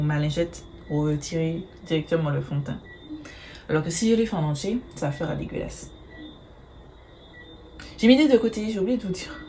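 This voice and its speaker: A woman's voice: on the low side, darkish tone, a little hiss or hum. A woman, chatting casually through a makeup tutorial, hesitant with many fillers and the odd swear word. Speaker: beauty vlogger.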